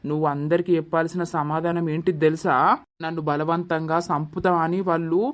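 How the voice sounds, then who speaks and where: A devoted, protective young husband in a cartoon village drama, voiced by a woman. He speaks firmly and comfortingly in a somewhat low voice with a Telangana Telugu accent. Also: level tone, a little fast, natural voice. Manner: firm, comforting. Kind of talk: animated village drama voice acting.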